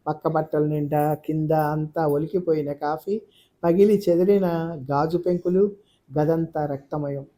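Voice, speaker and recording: A man reading a novel aloud with steady, expressive storytelling. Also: fairly high pitch. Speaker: audiobook narrator. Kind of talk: scripted novel narration.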